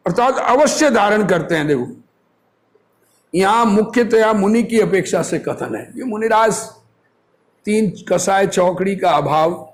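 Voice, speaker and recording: A man with a notably high-pitched, lively voice gives a religious discourse. He moves slowly between reading and explanation, teaching in a didactic way, posing rhetorical questions and then answering them himself.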